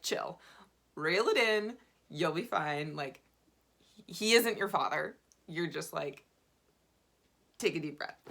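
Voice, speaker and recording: A woman vlogger telling a dating story in a chatty, animated way, full of fillers. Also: low-pitched, creaky. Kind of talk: casual dating storytelling to camera.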